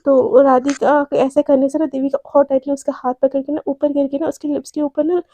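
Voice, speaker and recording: A woman's voice: high-pitched, flat delivery, a little fast, mellow, no echo. A young woman casually narrating a romance story, chatty and full of fillers and asides to the listener.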